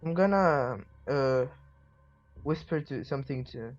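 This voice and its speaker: A man's voice: mid-range voice, a little slow, highs cut off. A man playing his character in a tabletop game, talking in a hesitant, stumbling way. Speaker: player. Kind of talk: in-character tabletop role-play.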